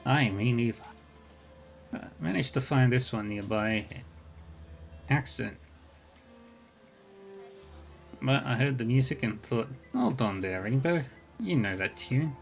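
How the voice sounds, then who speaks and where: A man's voice: medium pitch, expressive, a little slow, gravelly. Guy doing a tough irish lady ranger from dublin, lilty and dry, kinda blunt, faint music behind. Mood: wry. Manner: lilting, folksy, dry humour.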